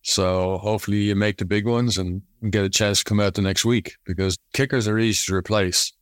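A man's voice: lowish voice, fairly even intonation, brisk, clear, resonant tone, dry recording, clean studio sound. A man, a former kicker, reflecting in an interview in short, plain statements.

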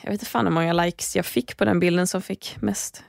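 A young woman hosting a podcast, telling a story in an animated, casual way, swearing freely and acting out what people said. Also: on the low side, creaky, no echo, clean studio sound. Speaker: podcast host.

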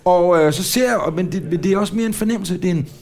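A man's voice: high-pitched, a little mellow, soft background music. A middle-aged man from Denmark, co-hosting a podcast in casual comic chat, rambling through stories with many restarts. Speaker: podcast co-host.

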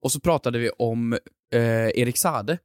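A man's voice: medium pitch, no echo, clean studio sound. Playful young man chatting on a podcast. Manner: joking, playful, often laughing. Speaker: podcast co-host. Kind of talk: casual chat.

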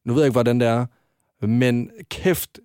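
A man's voice: medium pitch, steady tone, darkish tone, smooth, no echo, studio quality. A young man in a casual podcast chat, curious and asking follow-up questions.

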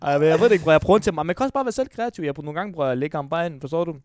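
A young man trades jokes on a casual podcast and slips into slang. His voice is raised in pitch, and the recording is dry and close. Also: darkish tone, dry recording. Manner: joking, laughs often, slangy. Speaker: podcast co-host. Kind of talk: casual chat.

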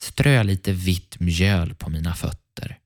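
A man's voice: low-pitched, a little mellow. A man voicing a sly, hungry male wolf who raises his voice to pass as a mother goat. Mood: menacing. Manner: wheedling, falsely sweet.

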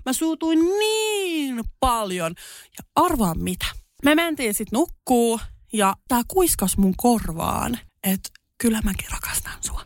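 Young woman, Finnish accent, English words mixed in, lively chatty podcast storytelling, dry studio sound. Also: no room sound. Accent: Finnish, mixing in English words. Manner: animated, voice jumps high when indignant. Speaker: podcast co-host. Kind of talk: casual storytelling chat.

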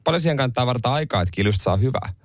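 A man hosting a morning radio show, joking and bantering in a playful, animated way. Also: mid-range voice, a little hiss or hum. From Finland. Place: radio studio.

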